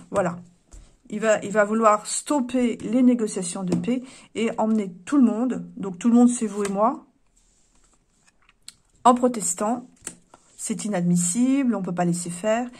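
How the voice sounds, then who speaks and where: A woman giving a chatty, opinionated tarot reading to her viewers, thinking aloud as she goes. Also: on the high side. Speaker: tarot reader.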